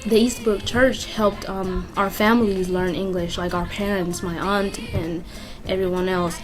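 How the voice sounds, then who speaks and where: A woman's voice: medium pitch, fairly even intonation, a little slow. A young woman from Kenya, talking earnestly and reflectively in a casual interview at a community center. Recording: music playing under the voice.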